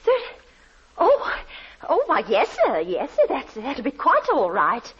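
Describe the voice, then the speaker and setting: A fluttery, high-voiced nervous landlady. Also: wildly swooping pitch, a little slow, fairly bright tone, husky, heavily acted. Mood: flustered, deferential. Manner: flustered, stammering, eager to please. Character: nervous, deferential middle-aged working-class landlady and wife. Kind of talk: 1940s radio drama acting. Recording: dull 1940s radio recording.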